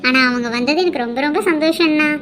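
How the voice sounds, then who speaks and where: A woman's voice: sits high, quick pace. A woman doing a chatty, teasing kid sister. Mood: gushing. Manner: excited, teasing. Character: cheeky teenage younger sister, chatty. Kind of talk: cartoon voice acting.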